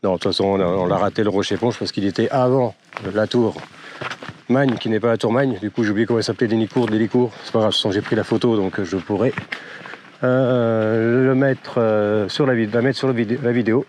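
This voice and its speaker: A man walking his dog on forest trails narrates a casual vlog, chatty and rambling, with plenty of fillers and wry jokes, and he has a slight cold. His fairly low voice is brisk, somewhat mellow, and fairly even in intonation, with slight background noise.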